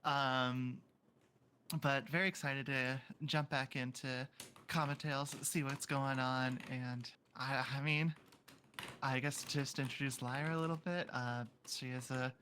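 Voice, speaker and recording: A man's voice: mid-range voice, fairly even intonation, unhurried, pushed and bright, a little hiss or hum. A man introducing himself as a player in a tabletop game, upbeat and chatty. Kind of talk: casual chat.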